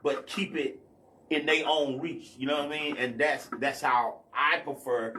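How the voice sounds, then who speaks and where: A man's voice: mid-range voice, measured pace, pushed and bright. Rambling man in his forties. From Athens, Georgia, US. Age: 40s. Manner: rambling, peppers talk with "you know what I'm saying". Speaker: guest R&B artist. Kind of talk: casual podcast conversation.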